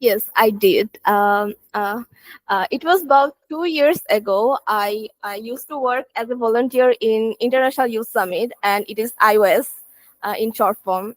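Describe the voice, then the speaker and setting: A woman answering speaking-test practice questions, hesitant and halting. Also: a little high, dry recording. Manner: hesitant, many fillers and restarts. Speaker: student.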